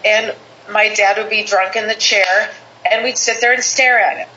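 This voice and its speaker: A woman guest telling a personal story in conversation, animated, quoting people in lively voices. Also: medium pitch, moderate pace. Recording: slightly dull lo-fi audio with faint background hiss.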